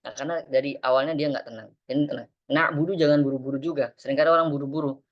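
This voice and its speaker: A man teaching Quran recitation in an online class, explaining patiently and chanting verses slowly. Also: mid-range voice, fairly even intonation, highs cut off.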